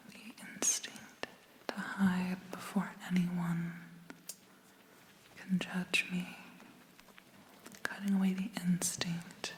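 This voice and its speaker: Female ASMR host, whispered pep talk and affirmations, breathy and gentle, unhurried delivery, very even tone. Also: lowish voice, rough recording. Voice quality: breathy, mostly unvoiced whisper. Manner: gentle, slow, reassuring, with long pauses.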